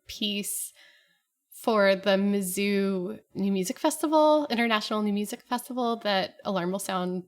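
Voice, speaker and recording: A woman composer talking about her work in a relaxed interview, chatty with frequent fillers. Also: medium pitch, unhurried. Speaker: composer and guest. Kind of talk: casual interview talk.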